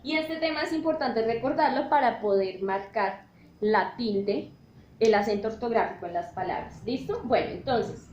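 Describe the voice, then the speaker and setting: A woman teaching a grammar lesson, explaining slowly and patiently and checking in often with her students. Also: a little high, animated, a little mellow, echoey room, muffled recording, a little hiss or hum.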